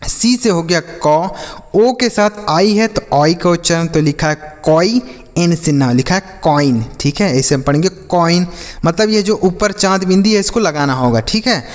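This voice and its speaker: A man's voice: fairly high pitch, normal speed. A man gives a classroom-style phonics lesson. He asks short quiz questions and repeats the answers for emphasis. His voice carries a long reverb tail. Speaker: English teacher.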